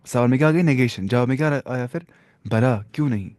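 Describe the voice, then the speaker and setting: Mellow-voiced man teaching Arabic grammar. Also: mid-range voice, no echo, studio quality. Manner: explains in Urdu mixed with English, reads Arabic examples slowly; conversational, with fillers and self-corrections. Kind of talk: explanatory grammar lesson.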